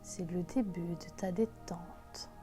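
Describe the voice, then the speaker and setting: A woman guiding a relaxation meditation in a soft, hushed, intimate voice, as if speaking right in your ear. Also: lowish voice, fairly even intonation, slow. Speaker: sophrology guide. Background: music.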